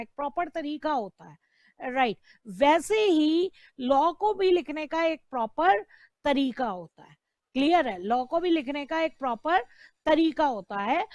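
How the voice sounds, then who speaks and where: In an online exam-prep lecture, an Indian woman teaches law in a high voice with studio-quality, roomless sound. She repeats terms, poses questions to the class and answers them herself, checking in with "right?" and "clear?".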